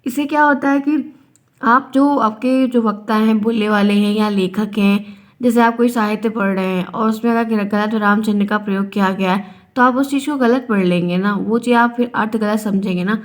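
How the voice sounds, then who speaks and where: A woman's voice: medium pitch, fairly even intonation, moderate pace. A young woman teaching an online Hindi grammar lesson, explaining patiently and repeating key phrases. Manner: explains by repeating, acts out example sentences.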